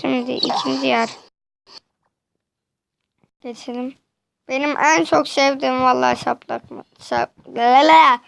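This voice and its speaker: A high-pitched woman with a gravelly edge, chatting through a game in slow, drawn-out bursts. She is excitable and quickly frustrated, swearing casually as she plays. Loud game music runs under her voice on a tablet screen recording. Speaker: gaming channel host. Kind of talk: casual gameplay commentary.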